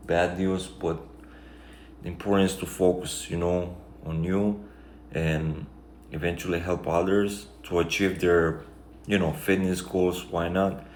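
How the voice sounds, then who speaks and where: Deep flat-voiced Romanian man. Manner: reflective, rambling, many fillers. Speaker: vlogger. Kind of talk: casual life-update monologue. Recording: echoey room, faint background noise.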